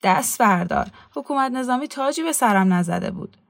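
A woman's voice: a little high, expressive, gravelly, pitched above the performer's own voice. A woman reading a weary, bitter reclusive man in a storybook, giving him curt, resigned replies.

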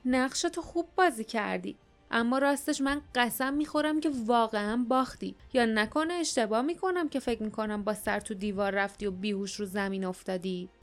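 Lady doing a high snappy wild girl, cold and blaming, audiobook. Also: faint music behind, close to an everyday voice. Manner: reproachful, cold. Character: sharp scolding wild young girl.

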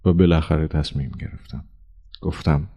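Deep gravelly male story narrator. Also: fairly even intonation, warm tone. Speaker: audiobook narrator. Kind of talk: dramatic first-person story reading.

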